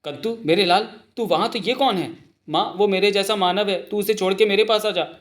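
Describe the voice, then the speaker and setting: A man's voice: sits high, brisk, pitched above the performer's own voice, close to an everyday voice. A cartoon mother elephant with a raised, coddling voice, voiced by a man. She fusses over her calf, poor-sighted and doting. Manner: fussy, coddling. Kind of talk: Hindi comic dub.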